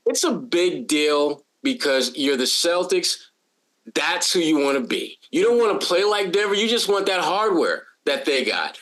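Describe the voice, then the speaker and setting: A man co-hosts a sports podcast, his voice sitting a bit high for a man. He talks in a loose, animated chat style, jumping in with playful bits and frequent restarts. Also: a little slow. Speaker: podcast co-host.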